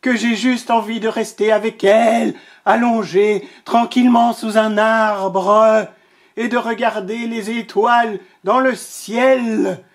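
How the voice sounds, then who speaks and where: A woman voicing a big proud male lion, frustrated and lovelorn, roaring his words loudly in a storybook reading. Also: a little high, steady tone, slow pace. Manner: roaring, loud and insistent.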